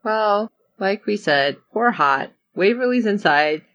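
A woman's voice: medium pitch, expressive, takes it slowly, a bit bright, dull audio. A woman co-hosting a podcast, recapping a TV episode in casual chat and acting out her own reactions. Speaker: podcast co-host.

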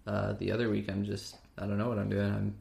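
A man's voice: on the low side, completely flat delivery, quick pace, creaky, a little mellow. A young man co-hosting a podcast, chatting casually and rambling a bit. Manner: rambling, fake-ad delivery at times. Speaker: podcast co-host. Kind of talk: casual chat.

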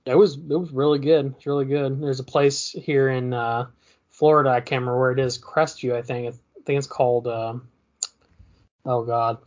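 A man's voice: mid-range voice, steady tone, normal speed, a little mellow. Easygoing man co-hosting, slightly muffled audio. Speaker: podcast co-host. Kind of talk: casual chat.

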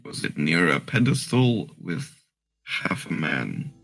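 A man's voice: low voice, big pitch swings, slow pace, creaky, a bit bright, faint music behind. A man playing a tabletop game, asking polite, curious questions. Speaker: player.

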